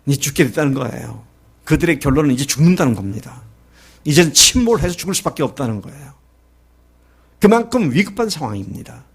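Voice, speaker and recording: A fairly high-pitched, slightly rough male voice moves quickly through a spirited sermon. The middle-aged pastor dramatizes the words of Jesus and the disciples and quizzes his congregation, supplying the answers himself.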